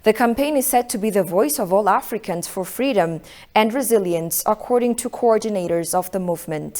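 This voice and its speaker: A woman news anchor reading the evening news in a measured, formal way. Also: medium pitch, lively intonation, dark tone. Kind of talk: read news script.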